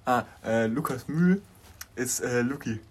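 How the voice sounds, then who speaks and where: A young man co-hosting a podcast in casual chat, animated and quick to laugh as he tells stories. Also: mid-range voice, breathy edge. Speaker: podcast co-host.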